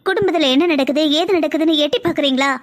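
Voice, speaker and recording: A woman's voice: high-pitched, fast, close to an everyday voice. A woman playing an insistent, complaining wife. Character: married housewife, worried and insistent. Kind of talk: cartoon voice acting.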